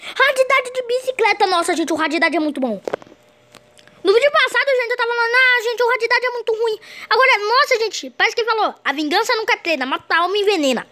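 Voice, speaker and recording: A young girl commentating her football video game, excitable and shrieking at goals, constantly addressing viewers. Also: very high voice, fast talker. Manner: excitable, shrieks at goals, keeps saying "gente". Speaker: gameplay commentator.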